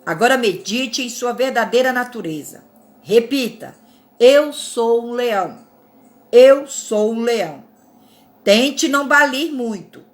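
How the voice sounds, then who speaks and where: A woman's voice: fairly high pitch, expressive, takes it slowly. A woman voicing a stern, majestic male lion who gives curt, commanding orders, read aloud in a storybook fable. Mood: calm instruction.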